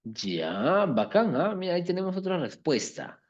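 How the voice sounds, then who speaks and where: Teacher, male, animated pitch, explains patiently, keeps asking if the class follows. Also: normal speed, highs cut off. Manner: keeps checking understanding with tag questions. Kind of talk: explaining a language exercise to a class.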